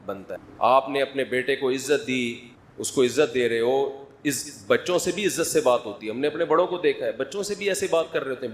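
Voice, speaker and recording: A man's voice: mid-range voice, slight background noise. A middle-aged man, preaching in a conversational sermon, prodding listeners for answers and joking. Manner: conversational, humorous, prods the audience for answers. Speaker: religious scholar.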